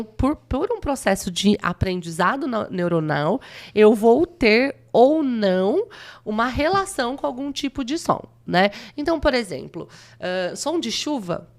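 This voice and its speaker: A Brazilian woman with a São Paulo state accent, a guest audiologist explaining how hearing works as if giving a lesson, lively and full of restarts. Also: on the high side, moderate pace.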